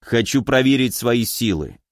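Man playing a necromancer, grave, calm, low measured delivery, lively contour, dry. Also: no room sound.

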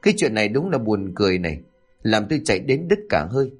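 A man voicing an older village wife who fusses and scolds her husband in a quick, chiding way, over faint music. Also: fairly low pitch, very animated, breathy edge. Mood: exasperated scolding. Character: older village wife, brisk, fussing, exasperated.

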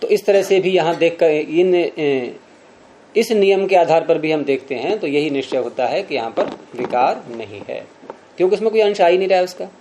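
Soft-toned man teaching Sanskrit grammar. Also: fairly high pitch, expressive, a little hiss or hum. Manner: patient, questioning students, slows to spell out examples. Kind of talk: classroom explanation of a text.

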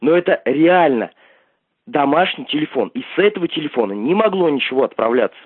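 A man's voice: a little high, animated, fairly quick, slightly rough, no echo. A man heard over a landline phone, answering bluntly and insisting on the same point again and again. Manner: blunt, insistent, keeps repeating himself. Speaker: call recipient. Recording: tinny, dry phone line.

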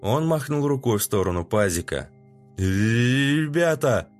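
A man's voice: mid-range voice, expressive, normal speed, soft background music. Man narrating an audiobook steadily.

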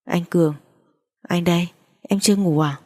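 A pushy, possessive man in a spoken story, as a woman storyteller reads him in her own low, mellow voice. He talks in an insistent, coaxing way. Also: fairly even intonation, moderate pace, close to an everyday voice.

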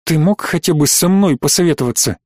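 A man's voice: on the high side, brisk, a little mellow, no room sound, natural voice. Indignant woman starship captain, reproachful grumble, voiced by a male narrator, dry close sound.

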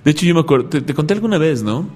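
A man's voice: fairly high pitch, lively intonation, racing, a little mellow, soft background music. A man hosting a radio talk show, chatting and telling stories with a joking manner. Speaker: radio host. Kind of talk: casual radio chat.

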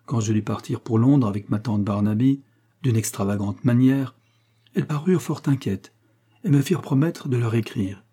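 Brief: earnest young heroine in a storybook reading, pleading and emotional, dark husky tone, played by a man. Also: mid-range voice, normal speed, close to an everyday voice. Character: young woman, earnest and lovesick.

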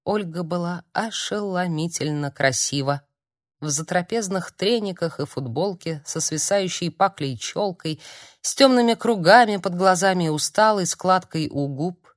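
A woman narrating an audiobook in a calm, measured reading. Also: fairly low pitch, no echo, studio quality. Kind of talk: scripted narration.

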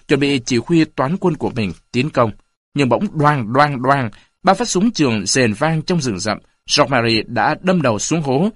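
A man narrating a story aloud in an expressive reading style. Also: mid-range voice, no room sound. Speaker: audiobook narrator.

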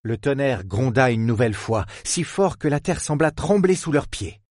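A man narrating a novel as an audiobook, in a measured, literary storytelling manner. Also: medium pitch, sing-song, darkish tone, no echo, studio quality.

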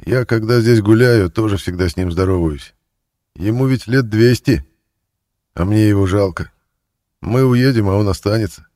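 A man's voice: fairly low pitch, normal speed, voice pushed up, lightly acted. A man playing a brash, cocky thief in a cell. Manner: loud, cocky and demanding. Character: brash streetwise male thief, a prisoner.

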